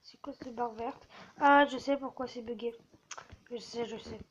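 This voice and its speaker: A woman's voice: on the high side, steady tone, measured pace. A woman casually walking viewers through a game server, hesitant and full of fillers. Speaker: gamer showing a server. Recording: dull lo-fi mic with faint hiss.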